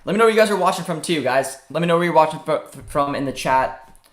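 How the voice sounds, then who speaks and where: A man's voice: a little high, lively intonation, quick pace, fairly bright tone, echoey room. A young man from Canada hosting a casual live football watchalong, chatting and reading viewer comments aloud. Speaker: livestream host.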